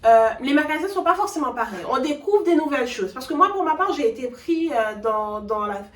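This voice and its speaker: A woman's voice: sits high, lively intonation, fairly quick. Woman, French Caribbean accent, laughing talk-show co-host, echoey room. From French Antilles. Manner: laughs often, many restarts. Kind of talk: casual advice chat. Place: living room, on a sofa. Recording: echoey room, mic far off.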